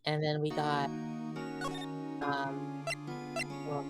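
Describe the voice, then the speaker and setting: A woman's voice: deep voice, completely flat delivery, drawn-out words, music in the background. A young woman chatting casually and rambling, full of likes and ums. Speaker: streamer guest. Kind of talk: casual chat.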